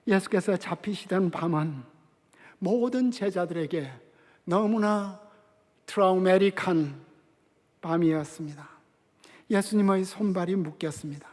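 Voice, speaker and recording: An older man preaching a sermon as a guest pastor, emphatic and measured, with dramatic pauses and hushed drops in his voice. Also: high voice. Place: large church sanctuary. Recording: long church hall reverb.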